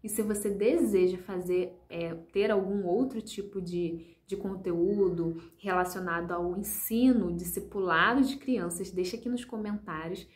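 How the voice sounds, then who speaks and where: Woman at a middle pitch, patient teacher of children's ministry, speaks straight to viewers, encouraging, filler-heavy. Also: a little slow, few pauses. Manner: patient, explanatory, with many fillers; addresses viewers directly, encouraging. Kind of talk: instructional video talk.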